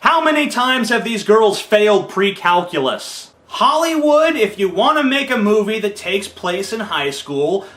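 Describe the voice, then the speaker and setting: A sarcastic man with a bright, high voice, ranting and joking as a comedy trailer reviewer. His pitch leaps around as he talks with mock outrage, and the room behind him rings with echo. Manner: sarcastic, exasperated, mock-indignant.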